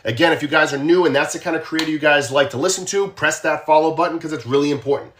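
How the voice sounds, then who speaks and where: A man's voice: fairly high pitch, fast talker, fairly bright tone, slight background noise. Boston-accented man hosting a livestream. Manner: conversational, asks viewers questions, repeats himself. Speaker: true crime live streamer, former law enforcement. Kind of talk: casual livestream commentary.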